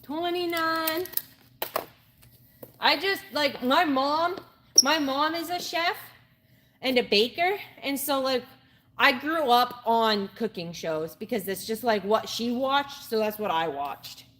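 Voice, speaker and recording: In an indoor gym, a woman in her late twenties talks casually to her livestream audience while working out, often repeating herself. She speaks slowly in a high voice with a fairly bright tone. Noisy gym ambience comes through, and the distance to her mic varies.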